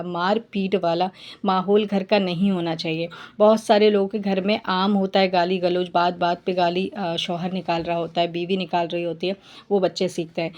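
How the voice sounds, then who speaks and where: A woman vlogger giving earnest parenting advice, talking in a steady instructive way and repeating her points for emphasis. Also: mid-range voice. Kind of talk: earnest advice talk to camera.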